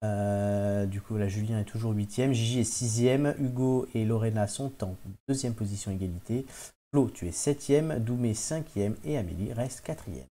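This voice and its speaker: A man's voice: on the low side, normal speed, mellow. Teasing man hosting a quiz. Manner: teasing, announces scores with mock suspense. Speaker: quiz host. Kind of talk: casual quiz podcast banter.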